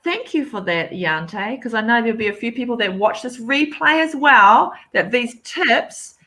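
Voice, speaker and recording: A woman's voice: on the high side, animated, normal speed, sharp tone. A woman hosting a live interview on a video call, encouraging her guest with frequent affirming murmurs. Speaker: host.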